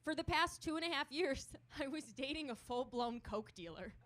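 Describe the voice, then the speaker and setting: A young woman performing a stand-up comedy set on a club stage, telling dark self-deprecating jokes with deadpan delivery. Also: high-pitched, moderate pace.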